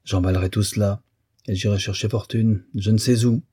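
A man reading aloud gives voice to a ruined middle-aged businessman in an audiobook, urgent and pleading. The voice is low and dark, slightly husky, with a dry close sound. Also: fairly even intonation, moderate pace, no echo.

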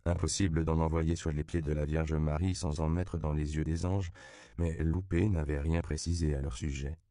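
A man narrating an audiobook in a deep, gravelly voice. His tone is smooth and resonant, and the recording is close and dry. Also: steady tone, normal speed, mellow, no echo. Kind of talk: scripted narration.

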